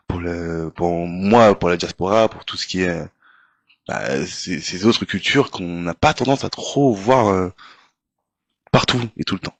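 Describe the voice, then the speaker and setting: A man's voice: deep voice, a little slow, no room sound. A man interviewing a guest in a casual chat, effusive and full of hesitant fillers.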